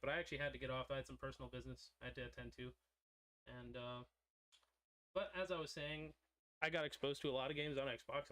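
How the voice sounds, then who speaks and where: A man's voice: medium pitch, fairly bright tone. A young man streaming while he draws, chatting casually and drifting into side stories. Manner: rambling, digressive storytelling. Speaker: streamer drawing a character.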